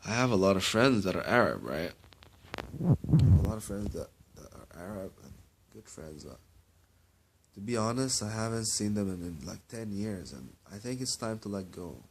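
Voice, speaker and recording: Low, gravelly man in a halting monologue. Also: sing-song, noisy background. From Kuwait. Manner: halting, with many restarts and repeated words. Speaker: vlogger. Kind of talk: rambling personal monologue.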